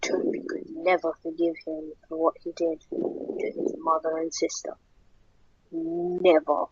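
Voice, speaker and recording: Slow, muffled horror storyteller. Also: mid-range voice, completely flat delivery, darkish tone. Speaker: narrator. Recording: dull lo-fi with faint noise.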